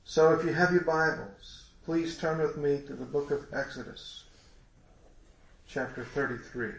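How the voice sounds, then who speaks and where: Man, congested, preacher, folksy rambling sermon, fairly high voice, roomy echo. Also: a little slow.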